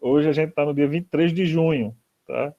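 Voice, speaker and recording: A man with a Brazilian Portuguese accent moderates an online academic interview, sounding hesitant and using many fillers. His voice is a little high and his speed normal, captured through a video call mic with dull, lo-fi audio.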